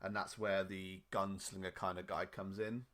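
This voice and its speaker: A man's voice: low-pitched, level tone, moderate pace, a bit bright. A man co-hosting a casual podcast, slangy and full of fillers. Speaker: podcast co-host. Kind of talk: casual chat.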